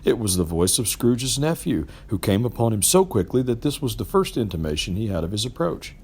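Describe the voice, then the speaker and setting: Animated man narrating a classic story. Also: fairly low pitch, a little fast, breathy edge. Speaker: amateur storybook reader.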